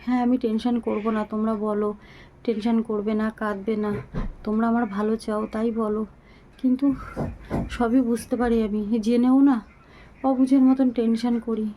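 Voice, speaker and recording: A middle-aged woman talking slowly and haltingly to her viewers into a phone camera, weak and short of breath. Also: a little high, flat delivery, warm tone, a little hiss or hum, poor audio. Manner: slow, halting, pleading. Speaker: vlogger. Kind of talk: casual talk to viewers.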